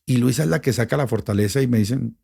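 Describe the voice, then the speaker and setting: A middle-aged man with a Bogotá Colombian accent, a radio journalist telling a personal story in an interview, emotional and animated, with many restarts. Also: medium pitch, fast talker, creaky, husky. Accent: Bogotá Colombian Spanish. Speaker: radio journalist and station director.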